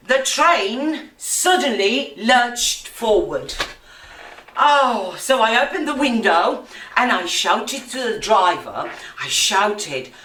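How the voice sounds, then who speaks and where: A woman tells a comic story on stage, drawing out every line and swooping into silly voices for the people she quotes. Her voice is high and very lively. She is heard from a distance in a roomy hall. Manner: slow, drawn-out delivery with silly quoted voices. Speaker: music hall comic performer. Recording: roomy hall, mic far off.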